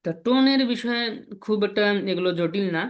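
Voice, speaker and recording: Patient man teaching a lesson. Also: high voice. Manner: patient, repeats example syllables slowly. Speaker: language teacher. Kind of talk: explanatory lesson.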